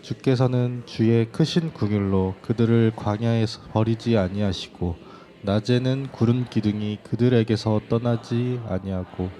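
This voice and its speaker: A man reading scripture verses aloud in a steady, measured way. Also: lowish voice.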